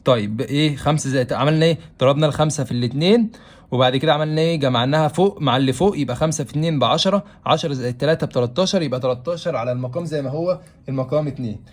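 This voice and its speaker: Egyptian man teaching math, very fast delivery, slightly high voice, quizzes the class and answers himself. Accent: Egyptian Arabic. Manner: asks questions aloud and answers them himself. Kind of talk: classroom-style math lesson.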